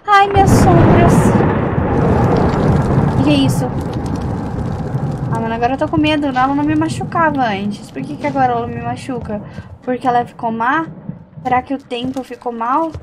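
Heavy background noise surrounds a Brazilian gaming streamer with a Brazilian Portuguese accent as she plays a horror game. She talks fast in a high-pitched voice with fairly even intonation, reading notes aloud and jittery, speaking to herself and the game with frightened exclamations.

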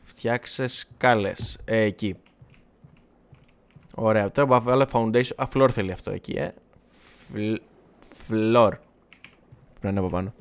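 A man's voice: lowish voice, steady tone, long pauses, clear, resonant tone. A man casually chatting while livestreaming gameplay, self-mocking and swearing, talking back to his viewers and the game. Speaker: gaming livestreamer. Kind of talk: casual live gameplay chat.

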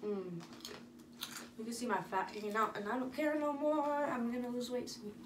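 A woman's voice: a little high, fairly even intonation, moderate pace. A young woman chatting casually and playfully with friends, often giggly. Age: young adult. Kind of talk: casual chat among friends. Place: small bedroom with friends. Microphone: camera a few feet away. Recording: roomy, distant camera audio, heavy noise.

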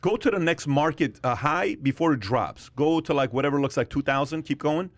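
A man's voice: on the high side, animated, a little fast, no room sound. A man in his forties hosting a podcast, talking emphatically and repeating phrases to drive his points home, recorded close on a studio mic. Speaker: podcast host. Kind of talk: animated casual discussion. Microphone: studio mic on boom arm, wearing headphones. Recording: dry close-miked studio sound.

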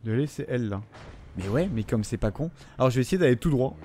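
A young man with a French accent gives a loose let's-play commentary, cracking jokes and cursing at the game. His pitch sits at an average height for a man, and faint game sounds run underneath his voice. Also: animated, quick pace, warm tone, a little hiss or hum. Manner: joking, swearing, talks to the viewers and the game. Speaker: gaming commentator.

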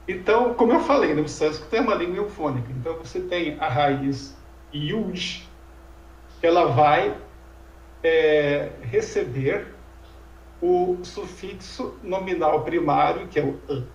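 High-voiced man teaching in an echoey room. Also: animated, unhurried, highs cut off. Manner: explanatory, asks rhetorical questions, tag questions. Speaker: Sanskrit teacher. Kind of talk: informal lecture conversation. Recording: echoey room, voice from far off mic.

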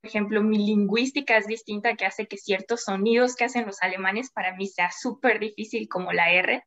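A woman's voice: mid-range voice, fairly even intonation, a little fast, a bit bright, muffled recording. A young adult Mexican woman, a climate scientist, talking at length as an interview guest with small laughs in between, over a video call. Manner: thoughtful, explains at length with little laughs. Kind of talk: casual interview chat.

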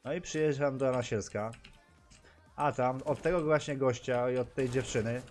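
A young Polish man spins animated vlog stories in a mid-pitched voice, hopping between his own language and broken, heavily accented English. He breaks into loud sudden exclamations, and faint music plays behind him. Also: moderate pace. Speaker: gaming streamer vlogger. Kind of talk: casual storytelling vlog.

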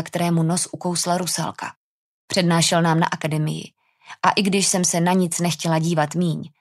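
Woman audiobook narrator, low-pitched, tense dramatic first-person reading.

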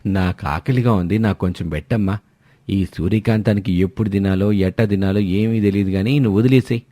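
A man's voice: on the low side, brisk, warm tone, no echo, studio quality, natural voice. A man voicing a teasing, easygoing old father-in-law in a cartoon story, joking with his wife.

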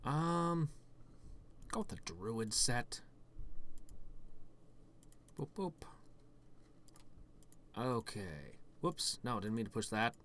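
A man's voice: medium pitch, sing-song, slow pace, a bit bright, slight background noise. A man giving let's-play commentary, thinking aloud in a rambling way with dry, self-mocking humour. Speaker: gaming channel host.

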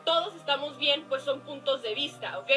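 A woman's voice: sits high, lively intonation, moderate pace, pushed and bright. A woman talking earnestly to camera in a vlog clip that is played back. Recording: distant clip audio with music.

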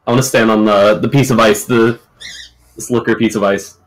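A man with a somewhat low voice, talking as a player in a casual game over chat. His volume swings unevenly from loud to quiet, and he hesitates and gropes for words as he goes. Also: fairly even intonation, normal speed.

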